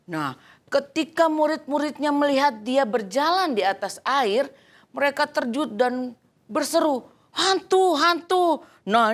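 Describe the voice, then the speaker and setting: A woman telling a Bible story to children in an animated teaching voice. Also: on the high side. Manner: animated storytelling, acting out quoted lines. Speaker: Sunday school teacher.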